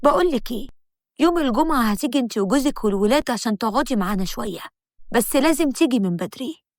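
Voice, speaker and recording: A woman's voice: on the high side, animated, quick pace, darkish tone, dry recording, clean studio sound. A woman voicing a fretful, scolding middle-aged mother, with an Egyptian accent. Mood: exasperated. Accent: Egyptian Arabic. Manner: exasperated nagging.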